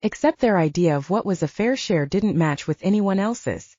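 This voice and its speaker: In an audiobook, a woman voices a wounded, self-reliant human ranger, sounding bitter, confiding and candid. Her mid-range voice is animated and warm at a moderate pace, lightly acted, with no room sound and the highs cut off.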